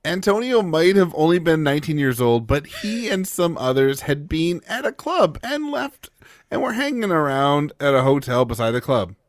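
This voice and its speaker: A man hosting a podcast, telling a crime story with plenty of swearing and jokes. His pitch moves around a lot as he talks. The sound is dry and close. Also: normal speed, no echo. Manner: swearing, joking, lively storytelling. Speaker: podcast host.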